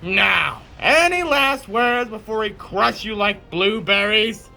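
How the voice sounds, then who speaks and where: A man voicing a scheming male pig villain doctor from his childhood comic, speaking slowly and mock-menacingly. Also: sits high, gravelly, pushed and bright, soft background music, full character voice. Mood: gloating.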